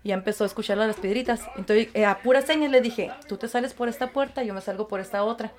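A woman, a guest recounting her experiences and acting out the voices of others in lively conversation. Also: a little high, fast talker. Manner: animated, acts out quoted voices, laughs easily. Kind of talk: storytelling in conversation.

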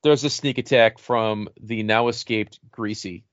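A man's voice: fairly low pitch, fairly even intonation, unhurried, dry recording. A man hosting a podcast, chatting casually and wryly as he recaps a film. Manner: wry, joking. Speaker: podcast host. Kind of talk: casual chat reviewing a film. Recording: dry, dull lo-fi sound.

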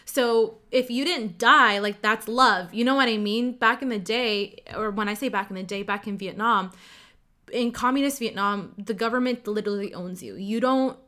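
Speaking at a moderate pace, this woman has a slightly high, bright, forceful voice. She's from Ottawa, Canada, grew up with Cantonese as her first language, and shares a personal story in a candid, conversational way full of "like" fillers.

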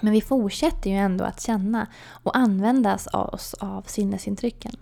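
A woman coach telling a personal story and explaining an idea in a calm storytelling way, with soft whispered asides. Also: medium pitch, vocal fry.

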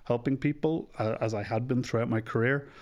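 This man in his forties, a doctor with an Irish accent, is a chatty, self-deprecating podcast guest who thinks aloud and restarts his sentences in a casual interview. His mid-range voice is darkish and fairly even in intonation, brisk in pace, and the sound is lo-fi.

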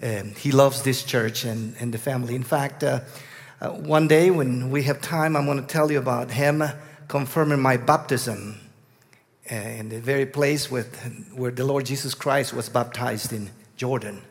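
A middle-aged Guatemalan man with a Guatemalan Spanish accent gives a storytelling sermon as a guest preacher, speaking haltingly with many restarts. His medium-pitched voice is steady and gravelly, heard in a large hall.

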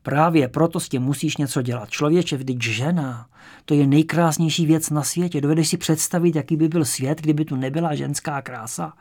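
Man playing a boisterous male poet, loud, teasing, gravelly, dry audiobook voice. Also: on the high side, steady tone, dry recording. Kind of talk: audiobook character voice.

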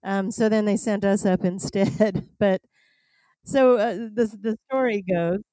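A woman guest tells a story from her first job, chuckling along as she talks. Her voice is mellow and warm, and the recording is dry with no room echo. She speaks at a medium pitch. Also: fairly even intonation, measured pace. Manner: chuckles through her stories. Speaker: interview guest, tourism leader. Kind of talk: anecdotal storytelling.

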